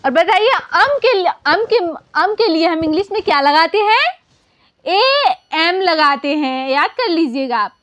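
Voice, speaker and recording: A woman teaching a slow classroom spelling lesson, drawing out each letter and asking and answering her own questions. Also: very high voice, expressive, fairly bright tone, no echo.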